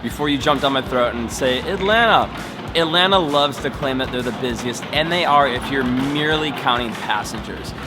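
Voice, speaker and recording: A man's voice: medium pitch, fairly quick, hardly any pauses. A man presenting a casual explainer vlog in a conversational, dryly wry way. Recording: music behind the voice. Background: music and airport bustle.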